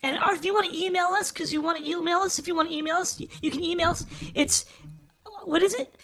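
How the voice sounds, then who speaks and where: A woman's voice: extremely high pitch, fairly even intonation, fast talker, a bit bright. A woman co-hosting a podcast who chats casually and talks in a playful, blunt way, often repeating herself. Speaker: podcast co-host. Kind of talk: casual chat.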